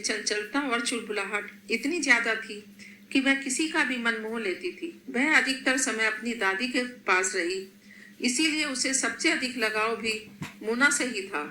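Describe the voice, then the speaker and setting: A woman narrating a scripted family story in a steady, expressive reading voice, in an echoey room. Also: on the high side. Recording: echoey room, faint noise.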